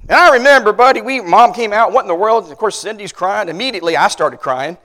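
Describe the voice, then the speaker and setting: A man, a pastor preaching a sermon, telling stories with big loud peaks and then dropping low to drive a point home. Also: fast, big-room sound. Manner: animated storyteller, rising loud on punchlines, then dropping low.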